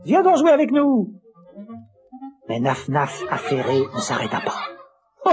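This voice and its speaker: A man narrating a children's storybook record in an animated, expressive way, with music behind. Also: mid-range voice.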